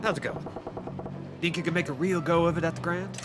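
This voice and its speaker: A man's voice: fairly high pitch, fairly quick, over music, lightly acted. A man voicing a cocky cabaret boss from a video game, colloquial and teasing, from the front of the throat. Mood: probing. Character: cocky, smooth-talking male cabaret boss. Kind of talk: reading video game dialogue in character.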